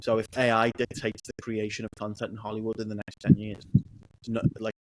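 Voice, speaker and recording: A man hosting a podcast, talking in an earnest, deliberate way and correcting himself as he goes. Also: on the low side, monotone, slight background noise, rough recording. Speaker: podcast host. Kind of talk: casual podcast chat.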